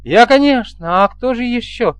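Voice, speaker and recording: A man's voice: very high-pitched, lively intonation, normal speed, clean tone, no room sound, voice pushed up. A man reading an audiobook, voicing a playful, affectionate young bride in a lifted, folksy way. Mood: teasing. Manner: light, coaxing, folksy speech.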